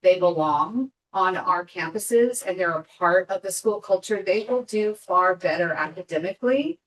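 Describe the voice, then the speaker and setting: A woman's voice: on the low side, moderate pace, fairly bright tone. A woman district administrator responding to the board in an affirming, organized way. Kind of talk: board meeting discussion. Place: board meeting room. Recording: echoey room, distant mic.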